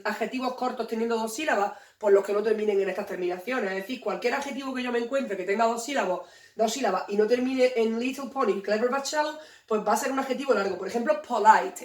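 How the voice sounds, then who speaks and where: A woman explains grammar at a whiteboard, patient and steady, often posing a question and answering it herself. Her voice sits a little high. The sound is roomy and comes from some way off the microphone. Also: recorded from a distance. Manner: patient, repeats key points, asks and answers own questions. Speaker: English teacher.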